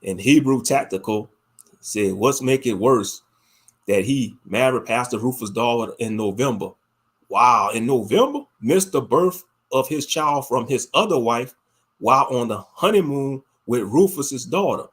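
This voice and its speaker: A man from Louisiana, United States, hosts a casual livestream, reading viewer comments and commenting on them. His medium-pitched voice is animated and husky at a measured pace, with a Louisiana accent, colloquial phrasing, and phrases repeated for emphasis.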